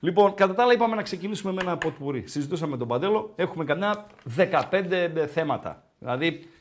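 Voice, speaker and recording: A man's voice: a little high, animated, a little hiss or hum. A man hosting a casual sports talk show, telling stories and teasing his co-host. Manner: storytelling, mimics dialogue in quotes; bantering, teasing.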